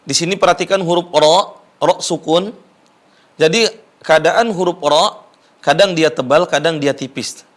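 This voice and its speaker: A man with an Indonesian accent, teaching Quran recitation slowly and patiently, repeating sounds for viewers to copy. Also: on the high side. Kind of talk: Quran recitation lesson with chanted verses. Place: studio.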